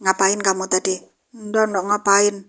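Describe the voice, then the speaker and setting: A woman's voice: mid-range voice, little pitch movement, a little slow, a bit bright, close to an everyday voice. A woman playing a devout father who firmly warns his daughter, repeating himself as he admonishes. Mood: stern.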